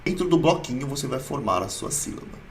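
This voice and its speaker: Emphatic Brazilian teacher in an echoey room. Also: male voice, medium pitch, very animated, fast talker, creaky, recorded from a distance. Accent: Brazilian Portuguese. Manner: emphatic, blunt, playful, repeats himself. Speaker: Korean teacher. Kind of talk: online language lesson.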